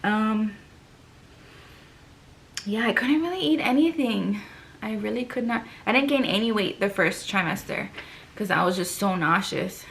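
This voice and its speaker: A woman's voice: medium pitch, animated, a little slow, gravelly, long pauses, a bit bright, slight background noise. A young woman vlogger chatting casually to camera, out of breath, with lots of fillers and sighs.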